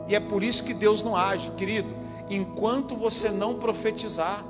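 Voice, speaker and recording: High-voiced Brazilian pastor preaching fervently. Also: male voice. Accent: Brazilian Portuguese. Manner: emphatic, repeats lines, calls out to the congregation. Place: church service. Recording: reverberant church hall with music behind. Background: music and congregation.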